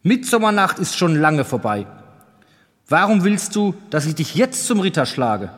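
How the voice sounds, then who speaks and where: A man reading the part of a stern, measured old king who questions a young squire. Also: fairly high pitch, sing-song, fairly bright tone, exaggerated voice. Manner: questioning, weighty, deliberate. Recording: long reverb.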